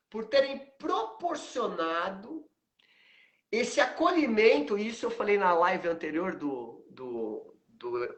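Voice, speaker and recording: A man's voice: sits high, a bit bright. A Brazilian man in his fifties with a Brazilian Portuguese accent, hosting a live stream and telling stories animatedly, acting out the dialogue with frequent tag questions. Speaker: host, aikido teacher.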